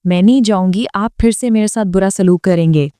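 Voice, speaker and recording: A woman's voice: medium pitch, dark tone, smooth, no echo, clean studio sound, lightly acted. A woman voicing a naive young heroine in a romance audiobook who pouts and complains like a child. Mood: tearful.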